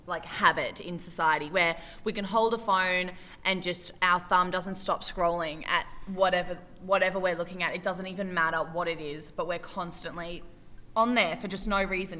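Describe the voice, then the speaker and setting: A young woman co-hosts a podcast in easy, wandering chat and laughs often. Her voice sits a little low but rings bright and forward. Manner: chatty, laughs often, rambling. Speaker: podcast co-host. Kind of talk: casual chat.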